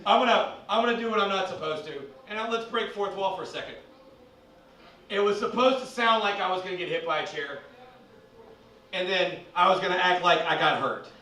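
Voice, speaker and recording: A male stand-up comedian, doing a loud, profane set that swings into shouted bits on a comedy club stage. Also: sits high, echoey room, far from the mic, rough recording.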